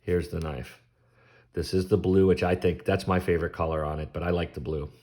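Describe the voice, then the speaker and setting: Man, very low voice, casual sales vlog, chatty, lots of ums. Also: fairly quick. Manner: relaxed, chatty, frequent ums, admiring. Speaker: knife collector selling his knives.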